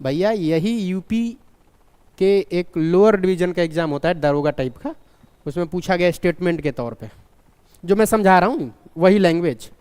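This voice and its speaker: A man with a high, smooth, resonant voice teaches a physics lesson, constantly asking his class questions and repeating the key point. His voice carries a long reverb, as if he is recording in a large room. He slips terms into his sentences. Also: moderate pace, darkish tone. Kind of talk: live online physics class.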